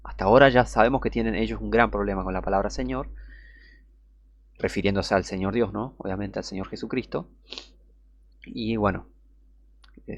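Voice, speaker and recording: A man's voice: fairly low pitch, vocal fry, no echo. A man giving heated Bible teaching, indignant and scornful, repeating his points.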